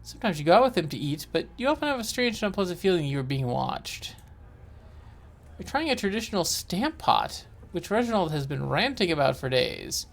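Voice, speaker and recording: Animated game narrator with joking asides. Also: medium pitch, fairly quick, vocal fry. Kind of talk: reading aloud a horror game narrative with asides.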